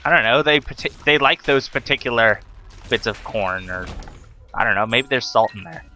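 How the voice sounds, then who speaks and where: A man's voice: medium pitch, animated, normal speed, sharp tone, faint music behind. A young man hosting a let's play, giving wry, chatty commentary on his gameplay. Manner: wry, chatty, scolding the enemies on screen.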